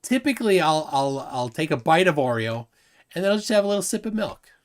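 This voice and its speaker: A livestream host with a fairly high, very animated voice talks at a quick clip. He keeps things chatty, reading viewer comments aloud and laughing often throughout the casual stream.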